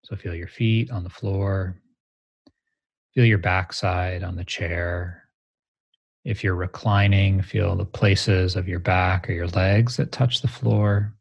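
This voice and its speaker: A man leading a guided grounding meditation exercise, giving gentle, measured instructions in short phrases with pauses between them. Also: sits low, fairly even intonation, gravelly, breathy edge, dry recording, muffled recording. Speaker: meditation teacher, interview guest.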